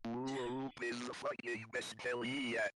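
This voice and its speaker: A man's voice: medium pitch, little pitch movement, slow pace, sharp tone. A man talking through a distorted voice changer in voice chat, trolling with mock-menacing one-liners. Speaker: guest joining a stream by voice chat. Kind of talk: casual teasing chat.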